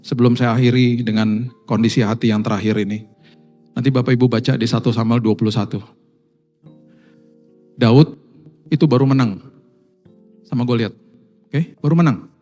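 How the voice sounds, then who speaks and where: A male pastor with an Indonesian accent preaching a sermon to his congregation, swinging between hushed, intimate passages and loud, emphatic ones. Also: medium pitch, steady tone, moderate pace, long pauses, soft background music. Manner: addresses congregation as Bapak Ibu.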